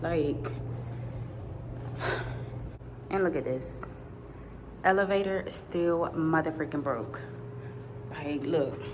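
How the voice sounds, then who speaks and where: A woman's voice: sits low, slow pace, long pauses, background noise. A young woman chatting casually and bluntly to her viewers in a vlog, swearing freely, recorded on a handheld phone. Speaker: vlogger.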